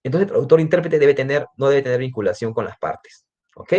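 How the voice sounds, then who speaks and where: A male forensic psychologist with a Peruvian Spanish accent gives a lecture in a mid-pitched voice. He explains his points patiently, often checks in with "¿no?" and restarts sentences as he goes. The recording is a little dull and lo-fi. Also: animated, a little fast, darkish tone. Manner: explanatory, frequent "¿no?" tags and restarts.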